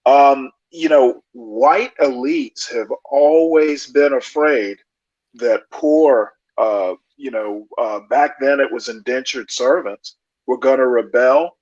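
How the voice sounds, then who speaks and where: A man calling into a talk show through earbuds, his voice muffled as if inside a fishbowl, speaking in a measured, hesitant, lecturing way. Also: mid-range voice, a little mellow, no room sound. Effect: muffled sound, as if inside a fishbowl. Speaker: caller joining a live talk show. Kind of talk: casual call-in discussion. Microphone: earbuds microphone. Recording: dull lo-fi earbud audio.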